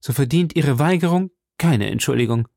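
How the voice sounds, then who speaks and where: A reader playing a vain swaggering musketeer, grand and self-pitying, gravelly lively delivery, audiobook. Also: medium pitch, normal speed, dry recording, studio quality, voice pushed up. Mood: affronted. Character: vain boastful male musketeer, pompous nobleman. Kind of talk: audiobook character reading.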